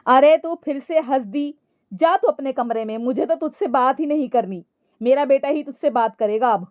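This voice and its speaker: A woman's voice: high voice, moderate pace, darkish tone, no room sound, studio quality, lightly acted. A woman voicing a fussy middle-aged mother-in-law who scolds in an exasperated tone. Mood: scolding.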